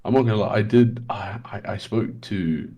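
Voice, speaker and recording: Low mellow english guy just chatting, laughs a lot, goes off on tangents. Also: moderate pace, slightly rough. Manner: chatty, laughs often, rambles off topic. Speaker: guest. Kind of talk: casual chat.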